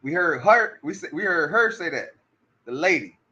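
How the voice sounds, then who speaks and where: Bright-voiced man with stammering rhetorical questions. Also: fairly high pitch, animated, normal speed, highs cut off. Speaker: commentary streamer. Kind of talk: casual commentary.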